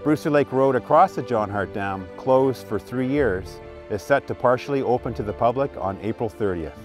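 A middle-aged man with a mid-range voice gives a project update as a utility spokesman, at a normal speed. It's scripted narration mixed with on-site presenting, with music playing behind him.

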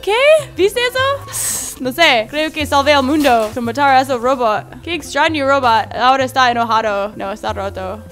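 Woman gamer, high voice, giggly and excitable, faint game music behind. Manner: excitable, giggly, exclaims a lot. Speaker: gaming YouTuber. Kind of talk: casual let's-play commentary.

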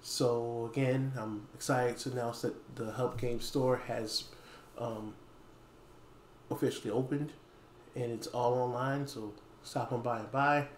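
A man in his thirties who owns a small game store and hosts videos makes an announcement casually to camera, often pausing mid-phrase. His voice is medium-pitched and steady. The dim indoor room has a wooden floor, echoes, and faint background noise.

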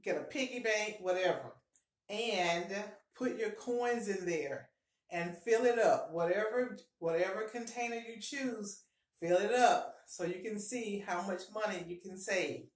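Recorded in a small, echoey home bathroom with a fixed camera at close range, a middle-aged personal finance vlogger speaks at a measured pace in a medium-pitched voice. Her casual vlog delivers upbeat, encouraging budgeting advice, with her key points often repeated.

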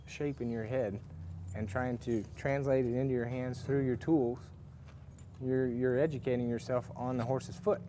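Against slight background noise, a man with a medium-pitched, slightly mellow voice runs a casual farrier demonstration at a workshop with forges. As the instructor, he rambles with lots of fillers and restarts.

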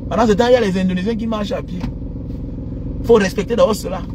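High-voiced and fast-talking, this social media commentator in his thirties lets loose an animated, indignant, mocking rant for his followers. He speaks with a Cameroonian French accent, has an African mother tongue, and records by phone at arm's length in a car noisy with traffic.

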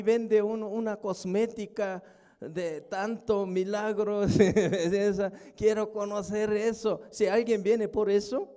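Slow, light-voiced man with Korean accent. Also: sits high, warm tone. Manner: non-native Spanish, joking, chuckles often, asks audience questions. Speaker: seminar presenter. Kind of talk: live seminar talk to an audience. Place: hotel event hall.

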